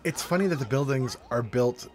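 A man's voice: mid-range voice, a little fast, music in the background. A man hosting a movie reaction, chatty and enthusiastic. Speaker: host. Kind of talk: casual reaction commentary.

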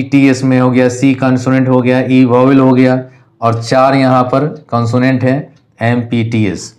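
A male teacher from India explains an English lesson. He talks slowly and keeps his pitch level, with little rise or fall. He spells words out letter by letter in a patient, deliberate way. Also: a little mellow.

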